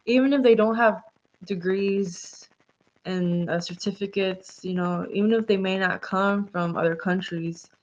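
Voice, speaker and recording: A woman's voice: mid-range voice, fairly even intonation, a little slow. A woman guest heard over a call line, answering in a rambling way full of fillers and self-corrections. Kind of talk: casual interview answers. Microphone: video call. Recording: dull lo-fi call audio.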